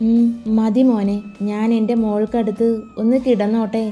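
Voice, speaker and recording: A woman voicing a grieving, tender father who speaks slowly and heavily. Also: a little high, flat delivery, dark tone, faint music behind, lightly acted. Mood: remorseful. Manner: slow, heavy, tender.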